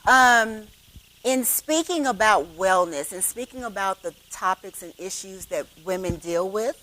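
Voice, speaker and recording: A woman in her 50s moderates a women's panel at church, speaking in a medium-pitched, animated voice at a slightly slow pace. The audio quality is poor. She's warm and conversational, often checking in with the room by asking "okay?"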